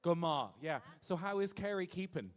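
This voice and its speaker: Man, host, playful camp teasing, fairly high voice, handheld mic, reverberant venue. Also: animated, moderate pace. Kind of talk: comic crowd work. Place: large indoor venue, in the crowd. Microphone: handheld microphone. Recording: echoey hall.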